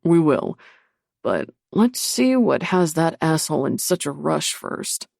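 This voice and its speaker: A woman's voice: deep voice, sing-song, slow, gravelly, darkish tone, no room sound, studio quality, full character voice. A woman voicing a blunt, determined young man in an audiobook, speaking curtly.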